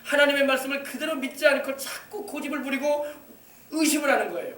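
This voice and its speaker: A man's voice: very high voice, steady tone, fast, a bit bright. A male pastor preaching an emphatic sermon, exhorting the congregation with rhetorical questions. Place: church sanctuary. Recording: echoey church hall, mic at a distance.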